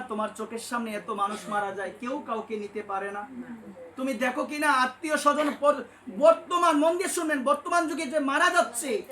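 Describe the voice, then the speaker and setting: Impassioned high-voiced preacher man. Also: sharp tone. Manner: impassioned, rising to emphatic peaks, addresses listeners as mother. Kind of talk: devotional sermon with storytelling. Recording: echoey room with faint ambience.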